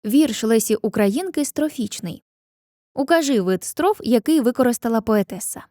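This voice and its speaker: A woman narrating a scripted literature lesson in a clear, measured way, reading lines of poetry slowly. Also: fairly high pitch, lively intonation, warm tone, dry recording, studio quality.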